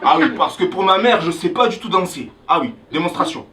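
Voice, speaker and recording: A young man from Angola doing a stand-up comedy set on a club stage, loudly hyping the crowd between jokes. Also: high-pitched, a little fast, recorded from a distance, loud music behind the voice, low-quality recording. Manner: animated, hyping the crowd with loud calls. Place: comedy club stage before a live audience.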